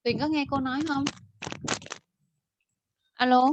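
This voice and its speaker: A woman teaching an online English class over a video call, correcting pronunciation and modelling words slowly. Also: sits high, fairly even intonation, dull audio, background noise.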